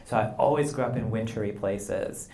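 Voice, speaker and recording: A man in his fifties, a poet being interviewed, talking in a relaxed, rambling way with frequent "you know" and light laughs. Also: fairly low pitch, normal speed, creaky. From Canada and the U.S. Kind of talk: conversational interview. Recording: roomy live event sound.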